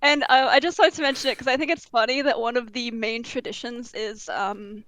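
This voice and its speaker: A woman's voice: a little high, fairly quick. A woman who grew up in Denmark, co-hosting a casual podcast and telling stories at an easy pace with many fillers. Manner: relaxed storytelling with many fillers. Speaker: podcast co-host. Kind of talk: casual chat.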